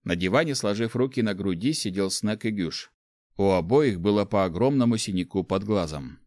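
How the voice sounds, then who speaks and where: Expressive male audiobook narrator, dry sound. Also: lowish voice, moderate pace, no room sound. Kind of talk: storybook narration.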